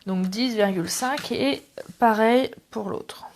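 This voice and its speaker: This craft livestream host, a middle-aged woman, speaks slowly in a slightly high voice, with a faint hiss or hum in the audio. She keeps the tutorial casual, welcoming viewers by name between steps and poking fun at herself. The sound comes from a tripod-mounted camera.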